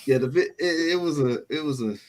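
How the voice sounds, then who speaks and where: A man's voice: fairly high pitch, brisk, low-quality recording. A man co-hosting a casual wrestling review show, often restarting and repeating words as he talks. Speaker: podcast co-host.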